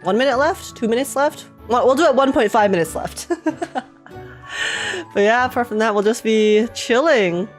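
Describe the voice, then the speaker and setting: Excitable chatty woman streamer, stuffy nose. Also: on the high side, normal speed, soft background music. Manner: excitable, chatty, laughs often, repeats herself. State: stuffy nose, just woke up. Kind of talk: casual live-stream reaction chat. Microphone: desk microphone with webcam.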